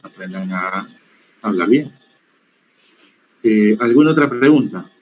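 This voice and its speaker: A man's voice: fairly low pitch, expressive, slow, a little hiss or hum. A man giving an online medical lecture in a stern, corrective teaching manner, answering student questions. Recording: dull lo-fi call audio.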